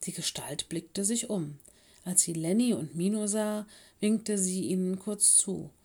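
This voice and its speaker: A woman narrating a children's story in calm, clear storytelling. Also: mid-range voice, measured pace. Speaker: audiobook reader.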